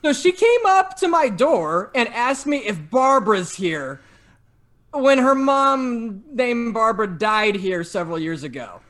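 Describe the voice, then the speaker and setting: A young man telling a story in casual chat, animated and full of fillers and restarts. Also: very high voice, a little slow. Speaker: podcast guest telling a story.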